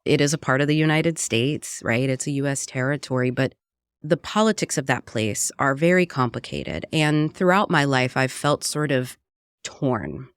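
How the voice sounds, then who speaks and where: A woman's voice: rumbling low, animated, moderate pace, smooth, dry recording, clean studio sound. A woman from Puerto Rico, a cookbook author and radio producer, talking earnestly and reflectively in an interview. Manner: earnest and reflective, frequent "right?" tags. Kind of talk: conversational interview.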